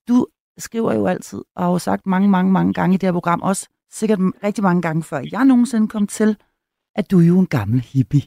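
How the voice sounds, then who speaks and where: A woman's voice: fairly low pitch, vocal fry, warm tone, dry recording, studio quality. A woman around fifty hosting a radio interview, hesitant and restarting her questions as she asks them. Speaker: radio host.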